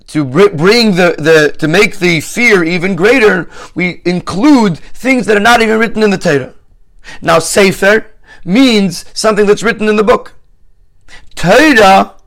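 A man's voice: sits high, a bit bright. Man methodically teaching a Rashi lesson. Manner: methodical, numbered questions, frequent restarts. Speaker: Torah teacher.

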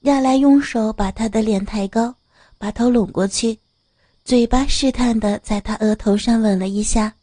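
A woman narrating an audio story in a smooth, steady reading voice. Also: a little high, moderate pace, no room sound.

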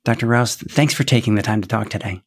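Man hosting, measured formal intro. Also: lowish voice, slightly rough. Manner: measured, reading a formal bio. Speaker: podcast host. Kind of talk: scripted introduction and interview questions.

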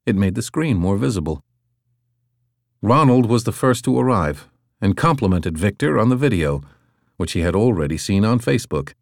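A male audiobook narrator telling the story in a lowish voice with lively, varied intonation. The sound is close and dry, with no room around it. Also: moderate pace, gravelly, no echo. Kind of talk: scripted narration.

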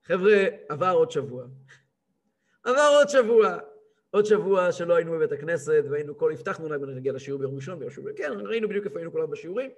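Animated high-voiced rabbi teaching. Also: male voice. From Israel. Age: 30s. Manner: animated, acts out a cantor's chanting and scolds him. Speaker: rabbi teaching a weekly class. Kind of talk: lively Torah lesson.

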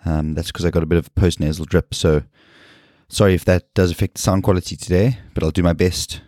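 Deep-voiced man with a scratchy, hoarse voice. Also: steady tone, dark tone, no echo, studio quality. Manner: earnest, explanatory, with fillers and pauses. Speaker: podcast host and personal trainer. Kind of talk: solo podcast monologue.

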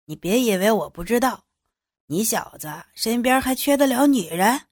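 A woman voicing an older male bureau chief who is lecherous and bossy, speaking gruffly and commandingly in an adult audio story. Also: on the high side, lively intonation, normal speed, no room sound, clean studio sound. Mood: leering.

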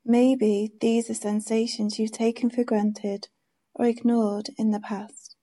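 Female meditation guide: soft, very warm and dark timbre, drawn-out calm delivery. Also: on the high side. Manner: gentle, soothing, unhurried instructions.

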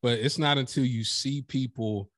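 A man speaking as a podcast guest, in a mid-range voice, talking with lively emphasis and acting out little quotes. The sound is dry and close, with no room echo. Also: mid-range voice, moderate pace. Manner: animated, emphatic storytelling with acted-out quotes. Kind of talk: casual interview chat.

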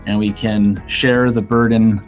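A man's voice: on the low side, little pitch movement, unhurried, faint music behind. A man co-hosting a podcast, speaking earnestly and reflectively about fatherhood, telling a personal story. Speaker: podcast co-host. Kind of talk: earnest podcast intro talk.

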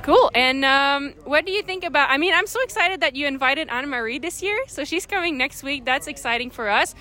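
A woman's voice: sits high, fairly quick, sharp tone. A woman who races bikes, hosting in a casual, conversational style. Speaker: host and bike racer. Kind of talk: casual race recap and interview.

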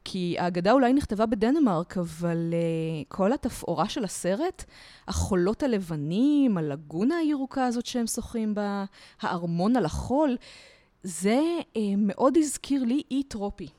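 A talkative woman sits as a podcast guest and explains things at length, animated and sure of herself. Her voice sits at a middle pitch. The recording is dry and close, with no room sound. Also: dry recording. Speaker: guest lecturer on culture history. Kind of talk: podcast interview.

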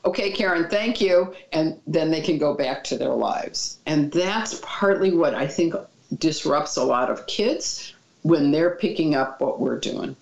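A woman answering interview questions as a child mental health expert, giving calm, reassuring advice. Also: low-pitched, unhurried, gravelly. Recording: dull, echoey room sound.

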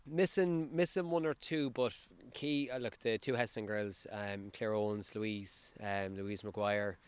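Low, even-toned west of Ireland man. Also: unhurried, clear, resonant tone, dry recording. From County Sligo, west of Ireland. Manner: hesitant, repeating words as he searches for phrasing. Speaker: football team coach. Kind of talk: sports interview, off the cuff.

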